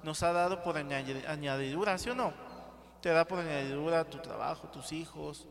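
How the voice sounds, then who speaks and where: A man's voice: fairly high pitch, normal speed, vocal fry. A man preaching a sermon, often asking the congregation "sí?" and calling them brothers. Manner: calls out to the congregation with frequent "sí?" and "hermanos". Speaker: pastor. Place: church hall. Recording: reverberant church hall with congregation.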